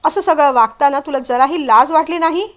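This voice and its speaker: A hurt middle-aged mother scolds her son in a reproachful tone, as a woman puts her on in a storybook reading. The voice is high. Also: fairly quick, fairly bright tone. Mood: angry scolding.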